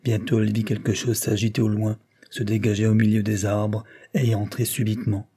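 A man reads a classic novel aloud at a steady, measured pace. His voice sits low and mellow, with a slightly husky edge. The delivery is calm and literary. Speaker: audiobook narrator. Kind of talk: scripted narration.

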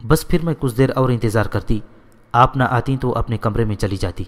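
A man's voice: mid-range voice, in a large hall, close to an everyday voice. A man voicing a devoted, simple-hearted female house maid in a storybook reading, in his own plain voice. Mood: devoted, pleading.

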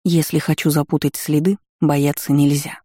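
A man's voice: fairly high pitch, level tone, normal speed, mellow, no room sound, studio quality, close to an everyday voice. A man voicing a fierce, determined young woman mage in an audiobook.

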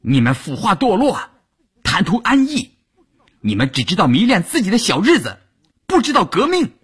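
A man voicing a strident middle-aged female cadre who hurls shrill accusations. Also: wildly swooping pitch, moderate pace, breathy edge, heavily acted. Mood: yelling.

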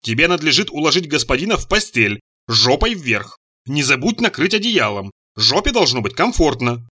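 A man voicing a pompous male boss in an audiobook, handing out slow, solemn, deliberate instructions. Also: on the high side, sing-song, bright, forceful tone, exaggerated voice. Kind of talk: audiobook character voice.

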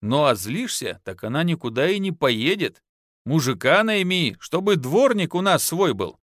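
A boastful, easygoing clerk husband with a folksy, coaxing way of talking, as a male narrator plays him. His lively, fairly high voice sits close and dry in the recording. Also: normal speed, dry recording. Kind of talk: audiobook narration.

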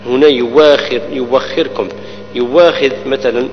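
A man teaching the rules of Quran recitation. He explains each rule step by step and recites the verses slowly, drawing out the words. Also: mid-range voice, fairly even intonation, faint music behind. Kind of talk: tajweed lesson with recited verses. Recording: long reverb, dull lo-fi sound, mains hum.

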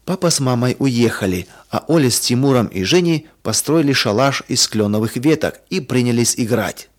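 Brief: male narrator for a children's storybook, calm and even, mid pitch. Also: normal speed.

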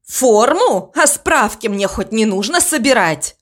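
A woman's voice: fairly high pitch, lively intonation, unhurried. A woman doing a grumpy stubborn man. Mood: arguing. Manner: grumbling, quarrelsome. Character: grumpy middle-aged man, stubborn and irritable.

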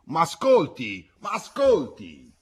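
A man's voice: deep voice, big pitch swings, moderate pace, fairly bright tone, full character voice. Man doing an old pleading farmhand. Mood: eager.

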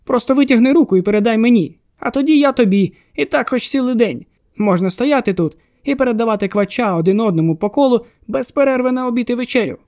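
A man's voice: very high voice, fast, darkish tone, pitched above the performer's own voice. A man voicing a grinning, rambling male asylum patient in an audiobook, eager and insistent. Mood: manic. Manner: eager, insistent, childlike sing-song. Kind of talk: audiobook character voice.

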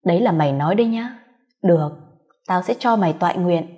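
A woman's voice: fairly low pitch, brisk, mellow, highs cut off, lightly acted. Woman playing a vengeful wife. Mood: furious. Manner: cold, contemptuous. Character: bitter vengeful wife grieving her son.

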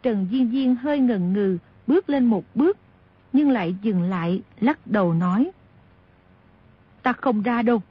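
A woman narrating a novel aloud in steady, expressive storytelling. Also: a little high, moderate pace, slightly rough, no echo. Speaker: audiobook narrator. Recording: dull lo-fi audio.

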